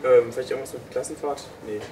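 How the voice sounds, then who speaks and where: A young man in casual chat with friends, telling a story haltingly with restarts and mild swearing. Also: mid-range voice, fairly even intonation. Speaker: podcast co-host. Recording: distant room mic with faint noise.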